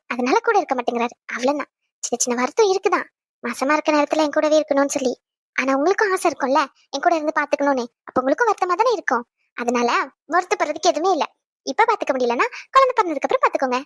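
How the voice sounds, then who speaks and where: A woman playing a high-voiced, chatty young wife. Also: no room sound, clean studio sound. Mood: tender, reassuring. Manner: chatty, fussing, tender. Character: caring young pregnant wife, chatty and affectionate. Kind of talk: Tamil audio drama acting.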